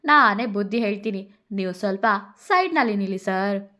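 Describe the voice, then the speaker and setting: A woman's voice: mid-range voice, lively intonation, moderate pace, bright, forceful tone. A woman voicing a drunk, arrogant young woman in a narrated story, taunting and condescending.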